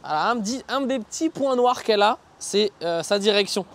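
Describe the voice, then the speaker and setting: A man's voice: sits high, expressive, normal speed. A man giving casual, slangy vlog commentary, thinking aloud while riding outdoors. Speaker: vlogger reviewing an electric scooter. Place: outdoors, riding on city roads.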